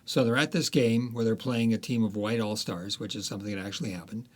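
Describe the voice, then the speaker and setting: A male author being interviewed as a guest tells history and the plot of his book in a storytelling way. His lowish voice holds a fairly even intonation, and he pauses often and uses fillers.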